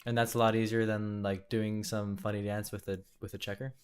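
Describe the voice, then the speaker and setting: Young male programmer, low-ish voice, self-questioning think-aloud at a desk mic, typing underneath. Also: little pitch movement, clear, resonant tone. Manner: musing, self-questioning, halting. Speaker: programmer live-coding a compiler. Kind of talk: thinking aloud while coding. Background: keyboard typing and clicking.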